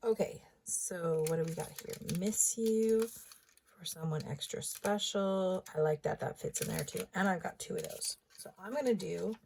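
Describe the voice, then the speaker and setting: A woman's voice: fairly low pitch, normal speed, vocal fry, slight background noise. A woman demonstrating a card-making technique in a chatty tutorial, thinking aloud as she works. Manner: chatty, thinks aloud, drops into soft asides. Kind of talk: crafting tutorial.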